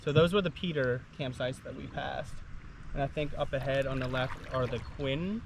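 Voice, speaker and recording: A man's voice: medium pitch, moderate pace, creaky, background noise. A man on a canoe camping trip, casually describing riverside campsites as he paddles, outdoors on a river.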